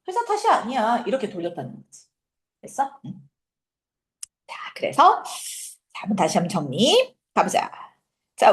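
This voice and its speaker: Lively, animated woman teaching English. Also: on the high side. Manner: animated, acts out quick asides and rhetorical questions. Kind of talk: exam prep lecture.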